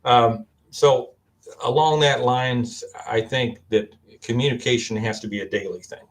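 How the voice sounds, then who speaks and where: A man with a Kentucky accent, a guest on a video-call panel, speaking in a measured, storytelling way. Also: medium pitch, steady tone. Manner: measured, storytelling, quotes advice he gives. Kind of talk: casual panel discussion.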